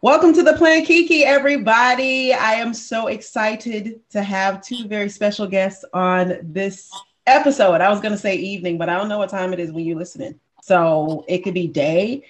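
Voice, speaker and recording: A man from the US East Coast hosting a casual podcast chat, playful and animated, laughing often. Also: sits high, moderate pace. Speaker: podcast host.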